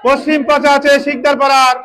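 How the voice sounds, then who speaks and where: Over the crowd at a local football match, a man with a Bangladeshi accent gives live commentary and announcements, repeating his phrases as he calls the play. His voice is very high-pitched, a bit bright and flat, and a little fast.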